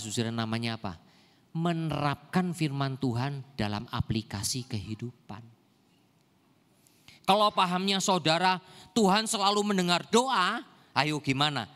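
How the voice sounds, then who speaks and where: A man's voice: a little high, sharp tone. An older man preaching a sermon in a church service, often asking the congregation rhetorical questions. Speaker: pastor. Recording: echoey church hall.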